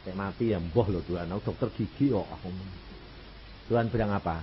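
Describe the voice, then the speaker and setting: A man with a Javanese accent preaching a sermon, telling a story and acting out the voices in it. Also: a little fast. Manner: animated, acts out dialogue with wide pitch swings. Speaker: evangelist preacher. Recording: muffled lo-fi recording with faint noise.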